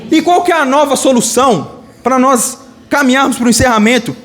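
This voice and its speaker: Brazilian man, evangelical preacher, very high voice, fervent, rousing, call-and-response. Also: fairly quick, a bit bright. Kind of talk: evangelical sermon.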